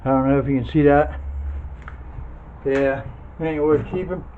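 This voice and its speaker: With a voice on the high side, a steady tone and a measured pace, a man hosts a video demonstrating scrap metal teardown. He's hands-on and casual, folksy as he thinks aloud through the job. The recording is lo-fi and dull, with faint noise and clicks.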